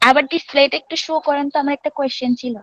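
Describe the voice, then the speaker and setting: Female student, high voice, fast questions, muffled call audio. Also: steady tone. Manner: quick, questioning. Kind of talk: asking questions in online class.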